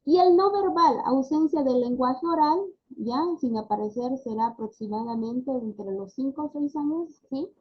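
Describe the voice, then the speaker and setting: A woman's voice: high-pitched, normal speed, husky. A woman, a speech therapy lecturer explaining things in an online class, often checking in with tag questions. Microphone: video call. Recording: dull lo-fi video call audio.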